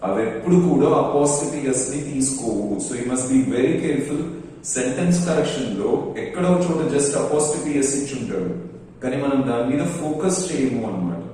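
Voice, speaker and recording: A man's voice: mid-range voice, animated, dark tone, distant mic, slight background noise. Telugu-accented man teaching in an echoey hall. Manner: motivational, mixes Telugu and English, slow emphatic English phrases. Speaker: English teacher. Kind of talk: exam-prep lesson.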